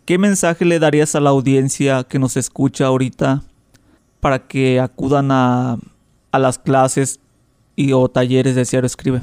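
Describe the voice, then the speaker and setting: A man's voice: medium pitch, flat delivery, unhurried, darkish tone, smooth, no echo, studio quality. A man hosting a radio interview, asking polite, formal questions. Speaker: radio host.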